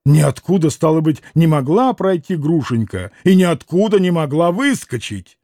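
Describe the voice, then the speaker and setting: A man narrating a classic novel in a fairly high voice. He reads expressively, leaning into the drama of each scene. The recording is dry, with no room sound. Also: lively intonation, moderate pace, warm tone, dry recording. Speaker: audiobook narrator. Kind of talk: scripted literary narration.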